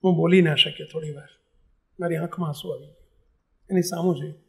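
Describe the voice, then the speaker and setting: High-voiced emotional male preacher. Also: fairly even intonation, gravelly, a bit bright. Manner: emotional, intimate, slows for emphasis. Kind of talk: devotional sermon storytelling.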